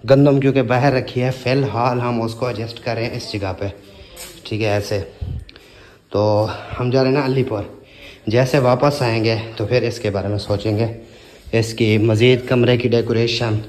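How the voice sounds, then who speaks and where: A man with a Pakistani accent vlogs from his village home, narrating casually and handing out joking, bossy instructions to helpers moving things around, both inside the house and outdoors. His voice is medium in pitch, a little mellow, with a steady tone and a moderate pace.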